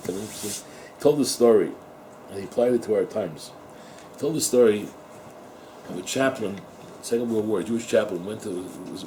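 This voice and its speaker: A man's voice: lowish voice, noisy background. A middle-aged man, a rabbi giving an informal Torah talk to yeshiva students, repeating words and asking his listeners rhetorical questions. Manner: mixes Hebrew and Yiddish terms into English.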